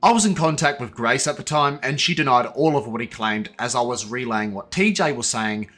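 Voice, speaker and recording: A man's voice: mid-range voice, animated, a little fast, fairly bright tone. A man narrating a scripted exposé in a casual, blunt and profane manner, with sardonic asides aimed directly at the person he is exposing. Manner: sardonic, addresses his target directly.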